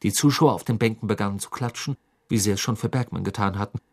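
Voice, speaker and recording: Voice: mid-range voice, quick pace, breathy edge. A narrator reading a fantasy novel aloud in a dramatic storytelling manner. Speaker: audiobook narrator. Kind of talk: scripted narration.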